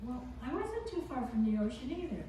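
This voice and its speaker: A woman's voice: high-pitched, sing-song, brisk. A woman from Northern California chatting at length in a cooking class. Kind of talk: casual chat. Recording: echoey room, distant mic, loud background noise.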